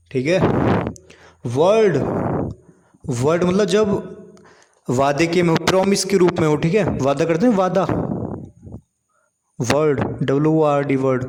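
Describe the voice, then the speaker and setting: A man's voice: on the high side, darkish tone, slight background noise. A man teaching an English grammar lesson, saying each word twice and explaining it simply, with frequent checks like "okay". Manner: repeats each word, explains in simple terms, says "ठीक है" often. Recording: echoey room with long reverb.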